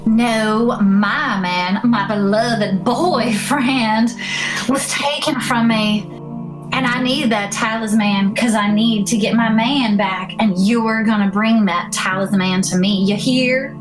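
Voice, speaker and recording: A woman's voice: on the high side, steady tone, slow pace, rough recording. A woman voicing a bossy, impatient vampire leader with a folksy Southern US accent in a tabletop game. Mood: exasperated, insistent. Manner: folksy, scolding, exasperated. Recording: music playing behind the voice.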